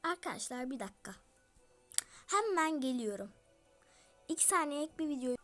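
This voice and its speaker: Female gaming youtuber, high voice, chatty, whispered asides to viewers. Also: animated, moderate pace, a bit bright, faint music behind. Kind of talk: casual game commentary.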